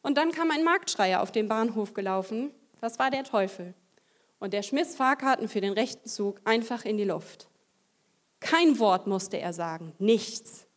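A woman's voice: medium pitch, lively intonation, unhurried. A woman giving a testimony sermon to a congregation. She tells a story vividly and acts out the voices in it. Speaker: lay preacher.

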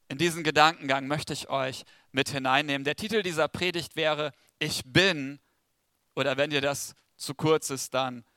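Lively, bright-voiced German preacher. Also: male voice, on the high side, no room sound, clean studio sound. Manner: engaging, asks the congregation questions, jokes. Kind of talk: sermon. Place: church. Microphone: handheld microphone.

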